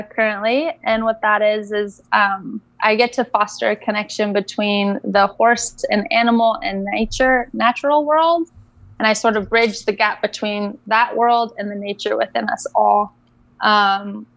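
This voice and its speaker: A young Indonesian woman, appearing as a guest coach, tells her story in a casual interview. She is reflective and unhurried, with soft laughs, and speaks in a fairly high voice. There's no room sound.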